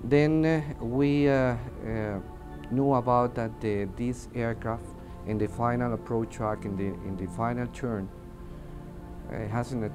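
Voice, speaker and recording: A man speaks a little slowly in a medium-pitched, steady voice, with music playing beneath him. He is a native Spanish speaker with a Mexican accent, giving interview testimony as an air traffic controller and searching hesitantly for his words.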